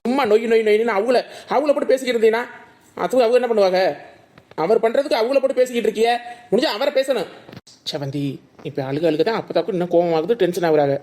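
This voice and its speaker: A woman voicing a calm young village man in a cartoon, with a southern Tamil village accent, coaxing and placating the family. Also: fairly high pitch, quick pace, lightly acted. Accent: southern Tamil Nadu village Tamil. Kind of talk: cartoon voice acting.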